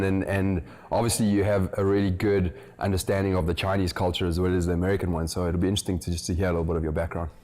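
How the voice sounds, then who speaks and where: A man hosting a live interview, introducing his guest with appreciative words and many fillers. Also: deep voice. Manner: warm, appreciative, halting with fillers. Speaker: host. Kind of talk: live interview before an audience.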